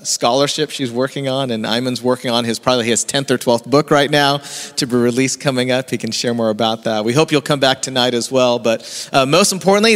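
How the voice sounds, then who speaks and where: A man's voice: mid-range voice, fairly bright tone. Male pastor, mid-range voice, conversational, hesitant intro, long church echo. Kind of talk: casual introduction. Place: church sanctuary.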